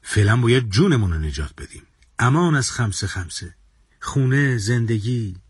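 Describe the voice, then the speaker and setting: A man voicing a frail, grieving old man with an Arabic accent in an audio story, with a husky, weary sound. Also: mid-range voice, sing-song, no room sound, studio quality.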